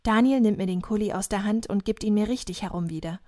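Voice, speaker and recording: A woman narrating an audiobook calmly and earnestly. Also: medium pitch, fast talker, no echo, studio quality. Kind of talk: scripted narration.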